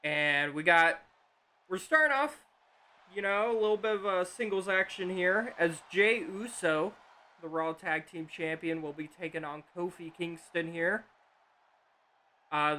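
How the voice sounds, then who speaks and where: A man's voice: fairly high pitch, bright, forceful tone. A man casually commenting on a wrestling video game on a live stream, rambling with fillers and restarts.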